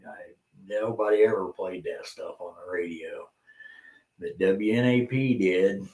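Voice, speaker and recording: Laid-back Indiana man, slow low voice, folksy, echoey room. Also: a little mellow. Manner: laid-back, agreeable, short replies, folksy grammar. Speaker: podcast co-host, former musician. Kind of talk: casual reminiscing chat.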